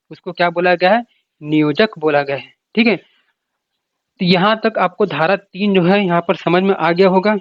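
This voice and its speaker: An exam coach with a high voice delivers an informal explanatory talk, repeating himself and answering his own questions. There's no echo, though the lo-fi recording sounds dull.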